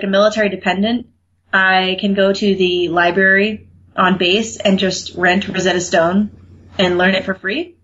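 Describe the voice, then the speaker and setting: A woman's voice: mid-range voice, a bit bright. A young woman co-hosting a podcast in casual chat, talking freely with lots of fillers and laughs. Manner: chatty, laughs often, many fillers. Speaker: podcast co-host. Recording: muffled lo-fi recording.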